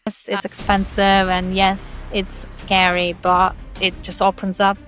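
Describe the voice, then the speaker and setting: A woman's voice: medium pitch, monotone, measured pace, fairly bright tone, faint music behind. A middle-aged woman from Turkey, a podcast guest talking casually and thoughtfully, with frequent fillers and restarts. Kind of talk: casual interview talk.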